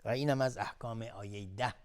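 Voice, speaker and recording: A man of ordinary pitch teaches the rules of Quran recitation in a televised lesson. He moves between long, melodic chanting of each verse and plain, steady spoken explanations of the rules. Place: television studio.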